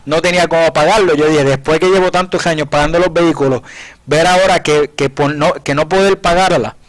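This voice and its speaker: A man with a fairly high voice teaching from the Bible in an earnest, conversational way. He retells scripture scenes as quoted dialogue and restarts his phrases often as he works through a point, heard on a radio Bible program. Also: fairly even intonation, brisk, rough recording. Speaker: preacher on a Bible study program.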